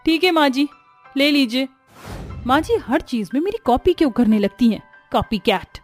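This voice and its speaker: Young daughter-in-law, voiced by a woman, sensible, pleading, high bright voice, cartoon. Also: lively intonation, normal speed, faint music behind. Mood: pleading, exasperated. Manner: pleading, scolding tone.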